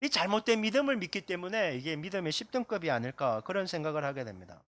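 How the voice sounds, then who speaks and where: A man's voice: high-pitched, very animated, fast talker, fairly bright tone, dry recording. A middle-aged man from South Korea, a pastor preaching a sermon in a conversational way, pointing to slides and acting out quotes.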